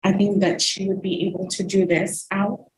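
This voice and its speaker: Soft-spoken woman in a courtroom recording. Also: medium pitch, flat delivery, moderate pace. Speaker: witness, defendant's mother. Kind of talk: courtroom testimony. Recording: echoey courtroom audio from far off, faint noise.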